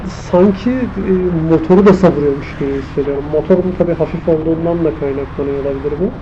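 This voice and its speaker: Muffled inside his helmet, a man rides a moving motorcycle outdoors and chats in a rapid-fire, steady tone, his voice a little high. This motorcycle vlogger thinks aloud about the traffic while the helmet mic picks up loud wind, engine and traffic sounds.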